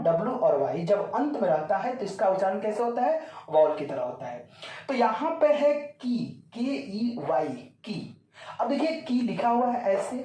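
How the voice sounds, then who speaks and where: A male teacher, giving a classroom grammar lesson that slowly repeats each point and keeps asking if it is clear. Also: sits high, darkish tone. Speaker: English teacher. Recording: echoey room, voice from far off.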